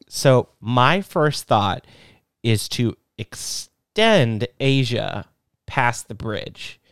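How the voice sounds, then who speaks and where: A man co-hosting a podcast, pitching an idea in casual chat with lots of fillers and restarts. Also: clear, resonant tone, no room sound, studio quality. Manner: rambling, many fillers and restarts. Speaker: podcast co-host.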